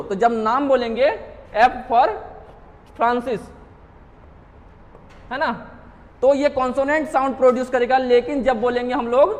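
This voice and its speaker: A man's voice: very high-pitched, in a large hall. A man teaching an exam-prep grammar lesson, explaining step by step by asking rhetorical questions and answering them himself, with frequent checks that students are following. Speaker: English grammar teacher at a coaching class.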